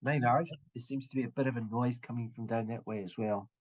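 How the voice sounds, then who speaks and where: A man running a tabletop game as dungeon master, narrating in a halting way with many restarts. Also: medium pitch, steady tone, a little mellow. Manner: halting, full of fillers and restarts. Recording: dull, muffled audio.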